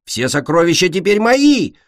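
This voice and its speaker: Guy doing a young boy dragon playing the bad guy, growly and gleeful, lively pitch, dry. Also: unhurried, husky, no room sound, heavily acted. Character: playful young male dragon acting a thief.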